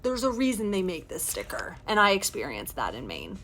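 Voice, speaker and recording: A young woman vlogger telling a story in a casual voiceover, animated and exasperated, now and then swearing. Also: medium pitch, brisk, over music.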